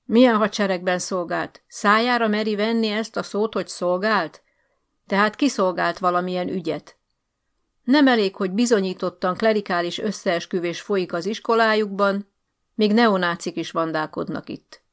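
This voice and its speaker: A woman voicing a pompous, bullying young male lieutenant colonel who barks and accuses, with a gravelly edge. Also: lowish voice, fairly even intonation. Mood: blustering. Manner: barking, accusing, self-important.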